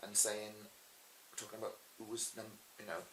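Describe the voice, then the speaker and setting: Interviewed casually, a Swansea-born pantomime dame and cabaret performer in middle age chats in a Welsh accent at a moderate pace, his voice lowish. He retells anecdotes animatedly, performing the quotes. A roomy echo and faint hiss color the recording.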